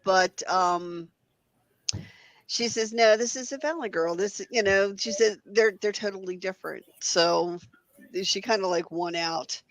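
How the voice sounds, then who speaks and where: A woman's voice: mid-range voice, measured pace, no room sound, poor audio. A woman presenting clips on a casual talk show, mixing loose chat with prepared notes. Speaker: guest presenter of horror-host clips.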